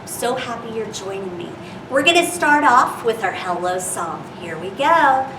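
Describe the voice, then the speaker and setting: A woman's voice: medium pitch, sing-song, normal speed. A woman hosting children's storytime with exaggerated, party-host cheer, addressing young listeners. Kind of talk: children's storytime with greeting song and read-aloud. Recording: roomy, distant microphone, clear background noise.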